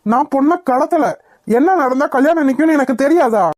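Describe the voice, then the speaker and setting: A woman's voice: sits high, a little fast, darkish tone, dry recording, natural voice. Woman voicing an anxious cartoon young man. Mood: defensive. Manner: pleading, defensive, anxious. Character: young man hiding from his wedding, worried and defensive. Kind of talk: Tamil cartoon voice acting.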